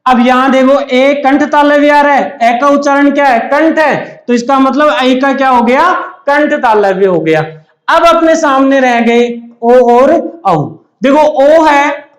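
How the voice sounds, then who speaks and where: A man's voice: very high voice, a little slow. A man giving an exam-prep lecture, asking and answering his own questions over and over. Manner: repetitive call-and-answer teaching. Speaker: teacher. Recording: echoey room.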